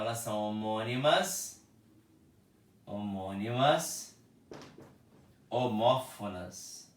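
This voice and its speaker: A man with a Brazilian Portuguese accent teaching a school lesson, speaking slowly and deliberately and repeating words for emphasis. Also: mid-range voice. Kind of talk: classroom lesson explanation. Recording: echoey room, speaker far from mic.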